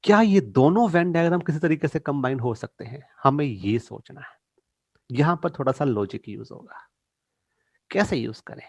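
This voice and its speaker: A middle-aged male teacher giving a lesson to students, mixing two languages and stressing key English phrases slowly. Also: a little high, lively intonation, a little mellow, no echo. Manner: mixes Hindi and English, addresses students directly.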